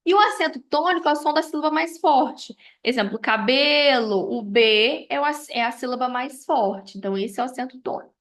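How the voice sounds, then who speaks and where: A woman's voice: high voice, expressive, a little fast, hardly any pauses. A woman, reviewing grammar as a teacher and listing examples one after another with frequent tag questions. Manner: explanatory, lists examples, frequent "né?" and "tá?".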